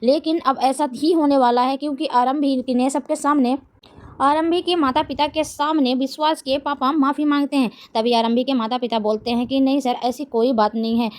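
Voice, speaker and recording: A woman narrates an upcoming-episode recap of a daily soap, walking through each scene in a steady storytelling manner. Her voice is notably high for a woman. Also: normal speed. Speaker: TV serial update narrator. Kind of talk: scripted plot recap narration.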